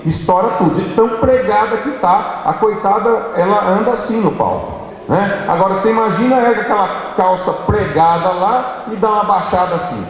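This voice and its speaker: A Brazilian man giving an animated workshop talk to a church group, often turning to the audience directly. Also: high-pitched, a little fast. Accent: Brazilian Portuguese. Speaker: workshop speaker. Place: large hall. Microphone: handheld microphone. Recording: echoey hall, from far off.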